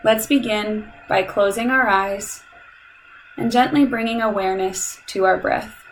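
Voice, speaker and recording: A woman with a medium-pitched voice leads a meditation very slowly, calm and soothing, offering measured instructions with long pauses. Light background noise sits behind her, and the audio is poor.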